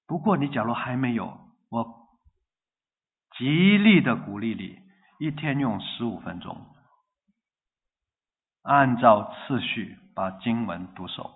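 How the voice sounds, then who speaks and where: A man preaching a sermon in a lively way, asking the congregation questions and repeating phrases in rhythm. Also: mid-range voice. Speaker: pastor. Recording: tinny phone-like line.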